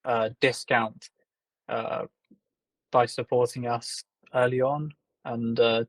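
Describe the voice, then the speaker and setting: Calm man founder explaining his product. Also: medium pitch, dry recording, poor audio. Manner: measured, explaining with many filler ums and uhs. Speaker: company founder. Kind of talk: casual video interview.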